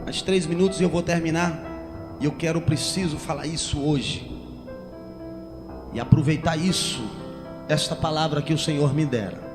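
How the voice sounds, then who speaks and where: A man preaching a Pentecostal sermon with a Brazilian Portuguese accent, building to shouted, chanting passages and speaking in tongues. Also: fairly high pitch. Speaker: pastor. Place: church. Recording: long church reverb with music.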